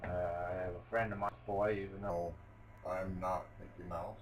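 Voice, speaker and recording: With a low voice, even tone and moderate pace, a middle-aged man keeps up casual chatter to camera while assembling a Lego set on a table at home, a cat close at hand. He rambles, mocks his own slip-ups, and often uses fillers and restarts. There's a little hiss or hum in the audio.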